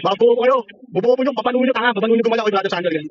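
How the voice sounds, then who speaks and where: A man with a very high, fast voice taunts rival players over game voice chat, laughing and cursing between his jabs. The mocking never lets up. The sound is a little muffled, with faint noise underneath. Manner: mocking and taunting, laughing often, swearing freely. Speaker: online gamer. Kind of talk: trash-talking game voice chat.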